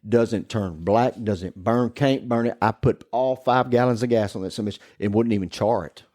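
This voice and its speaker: A man's voice: fairly low pitch, moderate pace, darkish tone. Rambling profane man telling a story. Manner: rambling, profane, laughing through his story. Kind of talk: casual ghost story chat.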